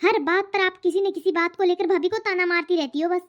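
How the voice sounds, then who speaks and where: Briskly and in an extremely high, steady voice, a woman performs cartoon voice acting as a spirited, outspoken young unmarried daughter. The character argues and protests, and the lo-fi audio is dull.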